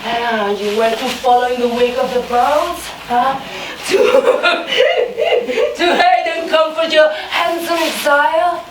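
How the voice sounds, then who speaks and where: An actress playing a scheming maid who mocks and shouts theatrically on a stage, caught from a distance in an echoey theatre. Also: female voice, high voice, expressive, slow pace, few pauses. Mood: mocking. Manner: mocking, theatrical, with bursts of laughter and shouting. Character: a scheming maid, a grown woman, mocking and unhinged. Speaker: stage actor. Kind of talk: live stage acting. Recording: distant, echoey theatre recording with room noise.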